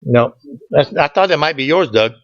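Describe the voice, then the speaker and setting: With a fairly high, expressive voice at a moderate pace, a man gives an informal, folksy slide talk and jokes with the audience. He's a club presenter standing at a lectern in a meeting room. The recording has no room sound but is dull and lo-fi.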